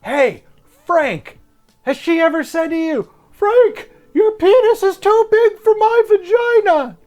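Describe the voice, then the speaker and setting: A man voicing a brash, crude male comedian doing loud crowd work. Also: extremely high pitch, expressive, takes it slowly, pitched above the performer's own voice, heavily acted.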